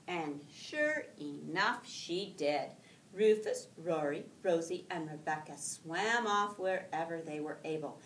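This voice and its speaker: Recorded by a camera a few feet from her, a middle-aged female teacher reads to children from a picture book. She draws out her words in a slow, expressive storytelling manner, and the classroom sounds echoey, with the mic distant and a faint rumble present.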